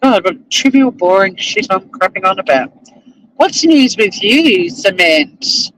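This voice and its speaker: He's a middle-aged Australian lawyer who vlogs from the driver's seat, rambling to camera, joking at his own expense and swearing casually. The high, fairly bright voice has a sing-song, unhurried lilt. A little hiss or hum sits on a rough recording.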